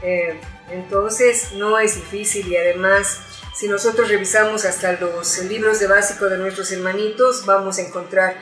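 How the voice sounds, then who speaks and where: A woman's voice: mid-range voice, steady tone, normal speed, a bit bright. A woman teaching a spoken lesson, explaining patiently step by step with examples and little asides. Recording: roomy echo with faint music.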